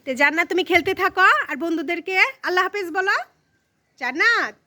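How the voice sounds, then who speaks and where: Bright high-voiced mother vlogging. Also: expressive, fairly quick, slight background noise. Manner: coaxing, talks to viewers and to a small child. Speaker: mother filming her daughter. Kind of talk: casual family vlog narration.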